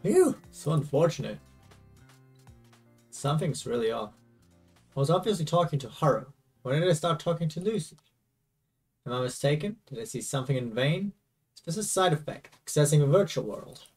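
A man's voice: a little high, lively intonation, normal speed, long pauses, a little mellow, breathy edge, distant mic. A man reading aloud as a young male game protagonist, confused and anxious, over faint game music. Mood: uneasy.

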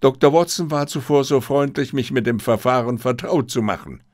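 A man voicing an unruffled, courteous male official who speaks calmly, in an audiobook. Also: medium pitch, normal speed, no echo, clean studio sound, lightly acted. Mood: composed.

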